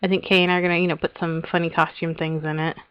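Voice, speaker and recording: Touring her Minecraft server, a woman narrates in a relaxed vlog style, chatting, giggling, and breaking off mid-sentence to start over. Her voice is lowish and smooth with little pitch movement, and she speaks at a racing pace. There's no room sound, and the high frequencies are cut off.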